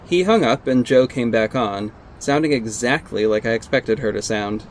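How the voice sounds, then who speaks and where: In first-person narration and dialogue for a superhero audio drama, a male lead plays a heartbroken, stubborn vigilante who is guarded and sardonic. Lightly acted and mid-pitched, he's terse, measured and exasperated, with a wry, brooding mood, set over noisy ambience.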